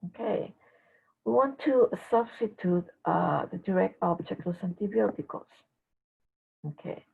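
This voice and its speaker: A woman teaching a language class in a recorded lecture, explaining slowly with frequent filler pauses. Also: medium pitch, vocal fry, slightly rough. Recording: tinny phone-like lo-fi audio.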